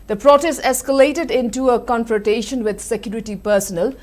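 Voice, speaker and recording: A woman's voice: a little high, steady tone, fairly quick. A woman with an Indian accent delivering scripted news narration as a presenter.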